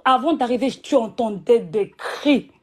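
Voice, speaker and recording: A woman's voice: fairly high pitch, measured pace, darkish tone, slightly rough. A woman telling a personal religious testimony, repeating herself and restarting often with many fillers. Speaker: guest giving a religious testimony.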